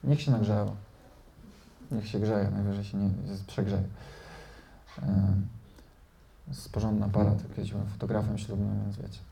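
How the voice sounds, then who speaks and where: A man's voice: fairly low pitch, level tone, moderate pace, creaky, long pauses, warm tone, echoey room, slight background noise. A man, a psychotherapist, giving a live lecture to an audience, explaining at length with frequent hesitation fillers and tag questions.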